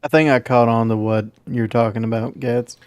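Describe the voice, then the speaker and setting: A man's voice: medium pitch, fairly even intonation, normal speed, clear, resonant tone, dry recording. A man talking casually as a player in a tabletop role-playing game. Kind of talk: casual chat.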